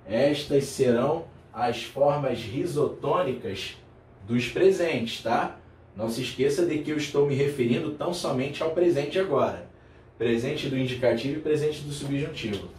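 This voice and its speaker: A man's voice: medium pitch, a little mellow, recorded from a distance. A man with a Brazilian Portuguese accent gives a grammar lesson, calling the viewer his student and checking in often. His mid-range voice sits back from the microphone in an echoey room. A faint hum of room noise runs underneath. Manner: addresses viewer as "meu aluno", checks in with "tá legal?"; repeats key terms slowly for emphasis.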